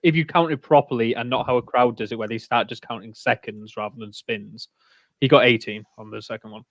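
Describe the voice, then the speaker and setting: A man co-hosting a podcast in casual chat, excitable and quick to laugh. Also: medium pitch, no echo, lo-fi sound. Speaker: podcast co-host.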